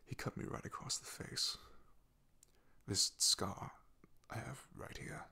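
A wistful, reflective scene from an ASMR fantasy roleplay, where a man plays a shy, loyal knight who speaks softly. His breathy, gravelly voice stays hushed, and his words come out hesitant and halting.

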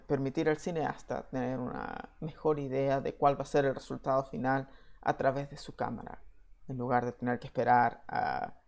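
A man delivers an online slide lecture from a room at home, speaking into a webcam at his desk. His voice has a gravelly, creaky edge, and he talks in a measured way, pausing often on "eh". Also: mid-range voice, a little mellow. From Chile. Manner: measured, with frequent "eh" fillers. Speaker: VFX software engineer giving a talk.

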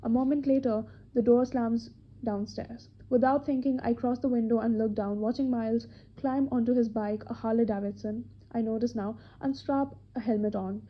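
A woman reading a first-person romance novel aloud as an amateur narrator, with a husky voice, now and then repeating a line. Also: a little high, fairly even intonation, moderate pace. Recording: dull lo-fi home recording.

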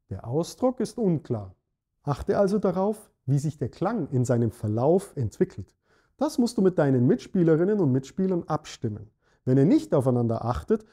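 A man with a German accent, a saxophone teacher giving a scripted lesson in a clear, measured way that speaks straight to the viewer. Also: fairly high pitch, warm tone. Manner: clear, measured explaining addressing the viewer directly. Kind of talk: scripted instructional talk.

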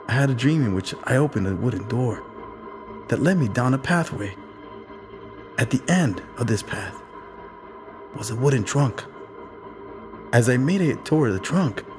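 A man's voice: mid-range voice, pitched above the performer's own voice, close to an everyday voice. A man voicing an anxious, troubled young boy who pleads and recounts things in a shaken way.

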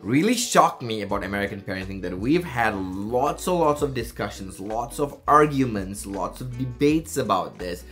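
A man, telling stories to the camera at home in a casual vlog. His pitch swings widely as he talks, and soft music runs behind him. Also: normal speed, few pauses. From Malaysia. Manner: animated storyteller, gestures a lot. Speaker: family vlogger, father. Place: indoors at home, seated beside his wife.

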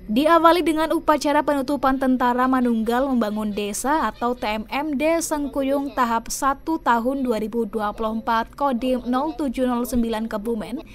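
A woman reads a local news report in a steady, formal newsreader delivery. Her voice sits high and clear. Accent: Indonesian. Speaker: news presenter. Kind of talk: scripted news narration.

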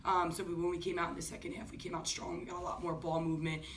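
A woman head coach answering questions at a postgame press conference, talking quickly with frequent ums. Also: on the low side. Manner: quick, steady, many ums. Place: office-like room, indoors. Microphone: far camera. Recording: distant room mic with faint hiss.

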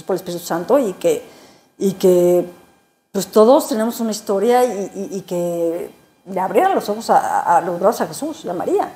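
Warm-voiced woman giving testimony. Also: mid-range voice. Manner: emotional, halting, many repeated words. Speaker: interview guest. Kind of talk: personal faith testimony.

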